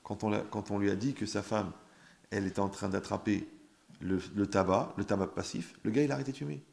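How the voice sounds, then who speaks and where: Gravelly-voiced man, rabbi teaching. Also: on the low side, fairly even intonation, a little fast, darkish tone. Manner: joking, talks straight to listeners. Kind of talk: animated Torah class.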